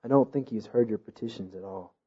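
A man's voice: on the low side, fast talker, dark tone, husky, voice pushed down. A man voicing a timid, sad royal messenger who stammers in a storybook reading. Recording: dull lo-fi recording.

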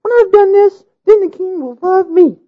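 A man doing a shrill, frantic bride. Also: normal speed. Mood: determined. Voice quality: screeching, shrill. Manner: frantic, pleading. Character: shrill, frantic young woman, a demanding bride. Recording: dull lo-fi recording.

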